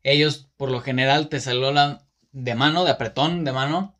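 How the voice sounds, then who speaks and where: A man's voice: mid-range voice, moderate pace, fairly bright tone. Man, Mexican Spanish accent, podcast host, casual monologue, rambling, self-correcting, lots of fillers.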